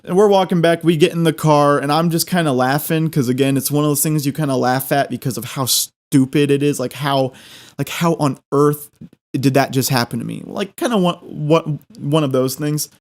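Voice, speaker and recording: A man's voice: a little high, moderate pace. A man telling a personal anecdote casually, in a rambling, repetitive and self-deprecating way. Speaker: storyteller.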